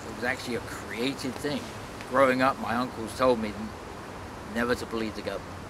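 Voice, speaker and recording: A London man in his sixties, a world traveler being interviewed, tells reflective personal stories to camera in a leafy city park. His medium-pitched voice is a little fast with fairly even intonation, set against noisy outdoor ambience.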